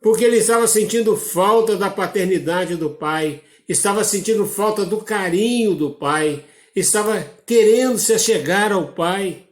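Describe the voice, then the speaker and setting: A man with a Brazilian Portuguese accent preaching a sermon in a church, slow and measured, with dramatic drops in his voice. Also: high-pitched, roomy sound.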